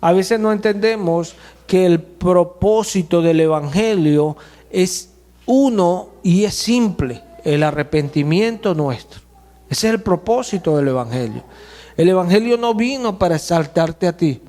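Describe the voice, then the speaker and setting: A man preaching a sermon as pastor, emphatic and slowing to stress key words, in a church. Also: high-pitched, expressive, dark tone. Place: church hall. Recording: long church hall reverb.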